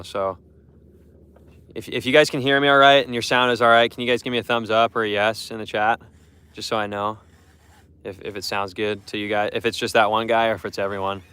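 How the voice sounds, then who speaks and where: While fishing from a boat on a lake, a young man chats casually with his live stream viewers, rambling, repeating words and talking to chat. His medium-pitched voice is pushed, bright and clean.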